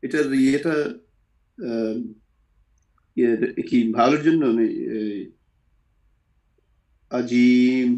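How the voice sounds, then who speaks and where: A man's voice: mid-range voice, slow, pauses often, a little mellow. Hesitant male student in an echoey room. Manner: hesitant, searching for words. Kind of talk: asking a question in an online class.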